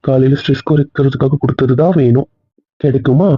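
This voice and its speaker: A man's voice: medium pitch, steady tone, a little fast, breathy edge, dry recording. Playful pleading man on a tinny line. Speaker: husband in a comedy audio drama. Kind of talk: casual role-play banter. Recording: tinny, phone-like sound.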